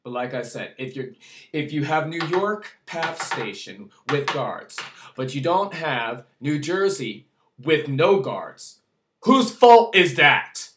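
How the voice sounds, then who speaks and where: A man with a high, bright voice tells a personal story in a vlog, earnest and agitated, often repeating himself. He sits back from the mic in a roomy, echoing space. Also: sing-song, slow pace. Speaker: vlogger. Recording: roomy echo, away from the mic.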